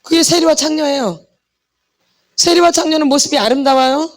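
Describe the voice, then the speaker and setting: A middle-aged woman delivers a fervent sermon in a high voice. She presses her congregation with rhetorical questions and answers them herself. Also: normal speed. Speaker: pastor's wife and healing ministry lecturer.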